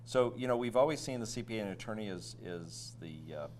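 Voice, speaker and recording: A man with a deep voice co-hosts a chatty talk show. He tells his stories earnestly and plays both sides of a sales talk. A faint hum of noise sits under his voice. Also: lively intonation, brisk. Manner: earnest storytelling, acting out client talk. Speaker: co-host. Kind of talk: casual radio talk.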